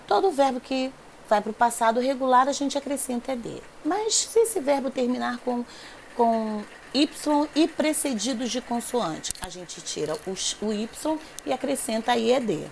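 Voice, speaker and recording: A woman's voice: a little high, animated, unhurried, vocal fry, darkish tone, slight background noise. A woman teaching an English grammar lesson, explaining rules step by step and checking in with her students often. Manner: patient, repeats rules, checks in with "tá?" and "ok?".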